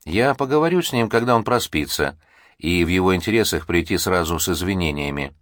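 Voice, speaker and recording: A man voicing a male professor in an audiobook, calm and firm, sometimes tender. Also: deep voice, brisk, no echo, clean studio sound. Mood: stern. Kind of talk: audiobook reading.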